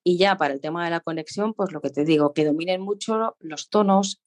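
Woman vocal coach on a radio talk show, animated and demonstrative, slightly low voice. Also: a little fast. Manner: lively, demonstrative, laughs often. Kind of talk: radio interview, explaining. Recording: radio studio.

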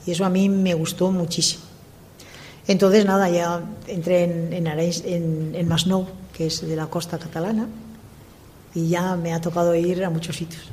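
An older woman, a religious sister, talking as an interview guest and recounting her life in a lively way with voiced-out dialogue. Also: fairly low pitch, moderate pace, a little hiss or hum. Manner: lively, animated retelling of her own past with quoted dialogue. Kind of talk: storytelling in a radio interview.

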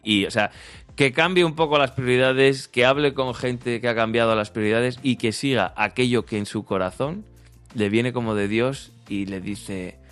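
Smooth-voiced Spanish priest on radio. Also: male voice, medium pitch, moderate pace, a bit bright, faint music behind. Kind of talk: conversational spiritual advice.

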